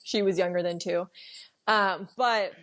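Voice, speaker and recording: A woman's voice: mid-range voice, fairly even intonation, a little slow, fairly bright tone. A woman co-hosting a podcast in casual chat, talking in a chatty way with lots of "like". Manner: chatty, leans heavily on "like". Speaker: podcast co-host.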